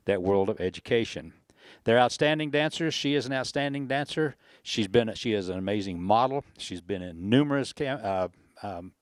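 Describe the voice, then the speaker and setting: A man's voice: medium pitch, no room sound, clean studio sound. A man speaking as a powwow emcee, giving admiring, emphatic introductions of dancers.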